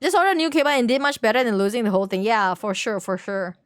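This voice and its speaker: Speaking quickly in a slightly high voice, a game livestreamer rambles casually to her viewers, repeating herself and hunting for the right words. The recording is dry and studio-clean.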